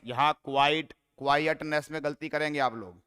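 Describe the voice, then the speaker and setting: A man's voice: a little high, steady tone, moderate pace, fairly bright tone, smooth. A man teaching a poetry lesson, going step by step and counting out syllables and stresses aloud.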